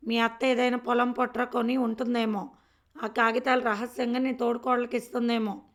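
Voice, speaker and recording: A woman's voice: on the high side, level tone, normal speed, close to an everyday voice. A woman reading a story aloud, voicing a village mother who scolds and questions sharply. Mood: scolding.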